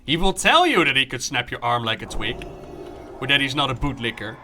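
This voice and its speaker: A man's voice: mid-range voice, very animated, brisk, sharp tone, faint music behind. A man streaming a game, commenting live, joking, recapping the story and acting out dialogue as he reads.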